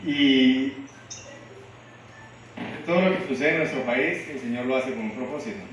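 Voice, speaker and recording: A man's voice: mid-range voice, a little slow, lo-fi sound, a little hiss or hum. A man from Venezuela fervently addressing a church congregation after a sermon. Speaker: church leader. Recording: echoey church, distant mic.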